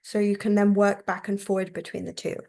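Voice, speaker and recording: Woman, therapy teacher, conversational class talk, checks in often, mid-pitched. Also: flat delivery, brisk, gravelly, a little mellow. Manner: acts out client and therapist voices.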